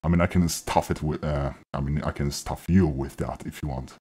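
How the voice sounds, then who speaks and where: A man's voice: fairly even intonation, moderate pace, mellow, slightly rough. A man in a gaming voice chat talking through a clangy robotic voice changer, mockingly taunting a teammate he has betrayed. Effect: deep robotic voice changer. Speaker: gamer teasing a teammate.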